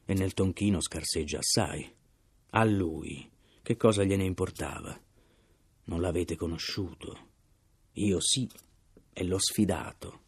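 In a low, creaky voice with a breathy edge, a man reading an audiobook gives a heavily acted performance as a gaunt, deathly ill first mate. The character speaks solemnly and hollowly, then breaks into agitated questions.

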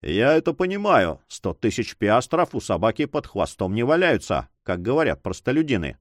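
A man voicing a rough, hot-tempered sea captain who talks bluntly and mockingly. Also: medium pitch, big pitch swings, normal speed, no room sound, studio quality, close to an everyday voice.

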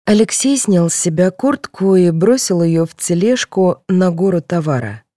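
A woman narrating an audiobook in an expressive reading style. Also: lowish voice, normal speed, no room sound, studio quality. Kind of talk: scripted narration.

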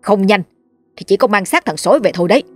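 A woman's voice: medium pitch, lively intonation, fast talker, natural voice. Brief: woman doing bossy old male sorcerer, scolding, faint music bed. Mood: gruff commanding. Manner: barking orders, scolding.

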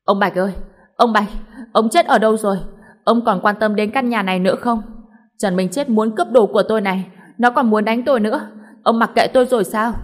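A woman's voice: medium pitch, moderate pace, lightly acted. A woman voicing a scheming older mother-in-law who shrieks, wails and curses. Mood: shrieking. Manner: shrieking, wailing and cursing.

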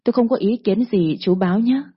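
Woman reading a groveling, stammering aunt, husky, lo-fi storybook read. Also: mid-range voice, fairly quick, lightly acted. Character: cowed, stammering middle-aged aunt. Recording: dull lo-fi recording.

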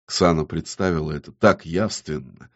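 A man narrating an audiobook in a measured, intimate storytelling manner. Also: rumbling low, lo-fi sound.

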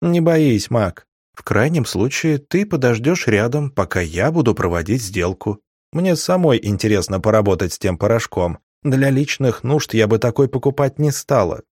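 A man voicing a sharp-tongued young female thief in an audiobook, lifting his voice higher and speaking in a brisk, sardonic way. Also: lively intonation, slightly rough, no echo, studio quality. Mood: wry. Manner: raised lighter pitch, brisk and sardonic.

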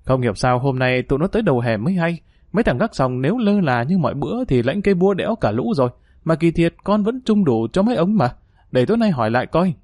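A man's voice: fairly high pitch, very animated, quick pace, a little mellow, dry recording. Young gambling lookout, chatty and rambling, man reading, dry sound. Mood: excited. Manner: rambling storyteller.

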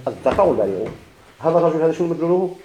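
A man's voice: on the high side, animated, racing, warm tone, echoey room, poor audio. A man with a Moroccan Arabic accent teaching a grammar lesson, asking questions and answering them himself with repeated examples.

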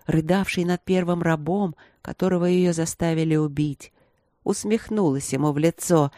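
Measured, dry audiobook narration. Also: medium pitch, no echo. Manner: even, measured storytelling. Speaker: audiobook reader. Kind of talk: scripted fantasy narration.

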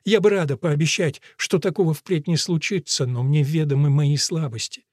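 A man's voice: on the high side, normal speed, a little mellow, dry recording, clean studio sound, natural voice. A man reading an audiobook aloud and voicing a middle-aged village woman who earnestly pleads with her old rival. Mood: confessional. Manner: pleading, confessional.

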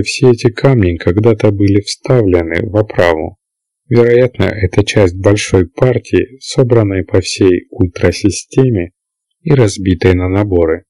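Audiobook heroine, calm half-alien young woman, a man reads her, low dark voice. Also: dry recording, poor audio. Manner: calm, even explaining. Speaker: character in an audiobook. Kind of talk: audiobook character reading.

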